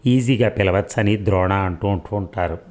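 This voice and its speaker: A man voicing a calm young male art student in an audiobook story. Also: fairly low pitch, normal speed, close to an everyday voice.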